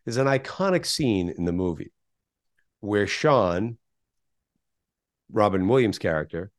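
A man's voice: fairly low pitch, expressive, unhurried, no room sound, studio quality. A middle-aged man, a guest on a podcast interview, speaking emphatically and firing off rhetorical questions. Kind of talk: conversational interview.

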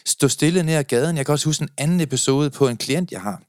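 A man's voice: a little high, no room sound, studio quality. A man hosting a podcast, talking reflectively and encouragingly in a casual conversation. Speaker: podcast host.

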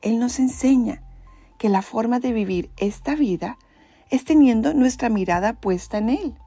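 A woman with a Latin American Spanish accent speaks like a kids show host, reading and explaining a Bible story to children in simple, expressive words with direct questions. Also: fairly high pitch, moderate pace, faint music behind. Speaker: children's religious teacher and presenter.

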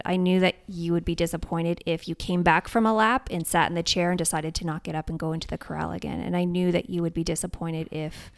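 A woman's voice: lowish voice, gravelly. A woman co-hosting a podcast, telling an earnest, emotional story in casual chat. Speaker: podcast co-host, race crew lead.

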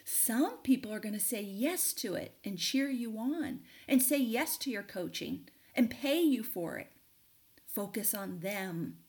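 A woman's voice: mid-range voice, lively intonation, unhurried, a little mellow. A middle-aged woman hosting a podcast, candidly telling a personal story and giving advice in a conversational way with plenty of fillers. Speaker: podcast host and coach.

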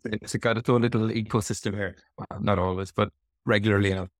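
A middle-aged physiotherapist from Sligo, in the west of Ireland, answers interview questions reflectively and explanatorily in that region's accent. His low voice is fast with fairly even intonation, and the sound is dry with no room sound at all.

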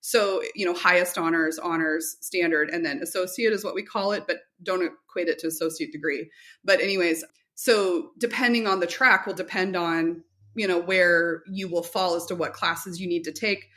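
Her pitch is fairly low, her intonation fairly even, and her tone a bit bright, all at a normal speed. She's a middle-aged woman appearing as a guest for a homeschool curriculum company, giving chatty, casual interview answers laced with anecdotes and quoted dialogue.

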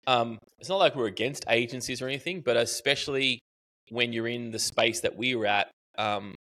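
A middle-aged Australian man, a marketing educator guesting on a podcast, speaks at a moderate pace with a medium pitch and a sharp tone. He tells stories casually and animatedly in an interview chat, restarting sentences and using fillers.

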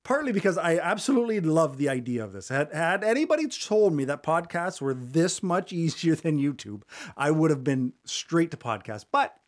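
A man hosting a solo podcast from a small studio, talking fast and conversationally into a studio microphone. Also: a little high, big pitch swings. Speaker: podcast host. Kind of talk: solo podcast advice talk.

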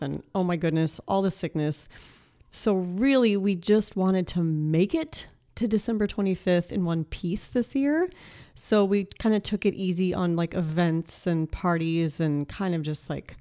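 A woman in her thirties hosting a casual faith-based podcast as a life coach, slightly hoarse from a cold and chatty, with filler words and laughs. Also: fairly low pitch, mellow.

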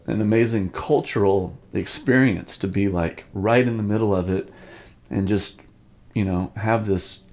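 A drum teacher in his fifties hosts an informal drumming lesson, mixing in personal memories and speaking reflectively, often repeating phrases for emphasis. His voice is on the low side with a darkish tone.

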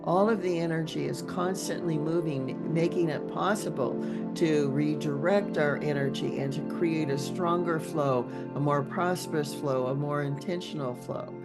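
A woman leading a guided meditation in an instructive manner, with repeated affirmations. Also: low-pitched. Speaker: host and guided meditation leader. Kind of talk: guided meditation, then informal thanks. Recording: music behind the voice. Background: plucked guitar music.

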